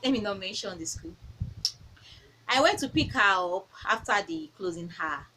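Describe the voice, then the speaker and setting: A woman's voice: mid-range voice, animated, moderate pace, bright, forceful tone, slight background noise, rough recording. A woman in her thirties giving earnest parenting advice in a casual talk. She repeats phrases and tells stories from her own home.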